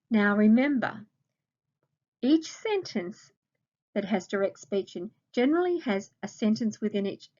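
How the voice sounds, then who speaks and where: A woman's voice: mid-range voice, highs cut off. A woman with an Australian accent, a primary school teacher patiently explaining a recorded grammar lesson to children and asking them questions.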